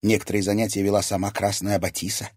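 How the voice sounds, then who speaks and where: A man's voice: on the low side, level tone, fast talker, a little mellow, breathy edge, dry recording, studio quality. A man voicing a troubled young girl who has visions and fits, terse and guarded, snapping when pressed.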